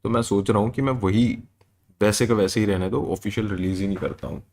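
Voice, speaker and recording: A man's voice: lowish voice, steady tone, fairly quick, gravelly, darkish tone. A male livestreamer in casual chat, joking and reading out super chats, mixing in English phrases.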